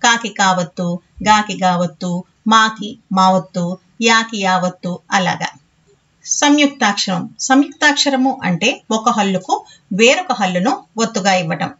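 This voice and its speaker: A woman with a Telangana Telugu accent teaching a grammar lesson to young children, slowly and patiently, often repeating words. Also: medium pitch, bright, forceful tone. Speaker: primary school Telugu teacher. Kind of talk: classroom lesson explanation. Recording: slightly dull lo-fi audio.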